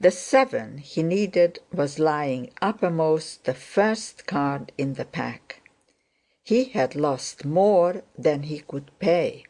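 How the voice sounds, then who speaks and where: A woman narrating a classic novel as an audiobook, with a measured, unhurried reading. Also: low voice, animated, darkish tone. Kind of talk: scripted narration.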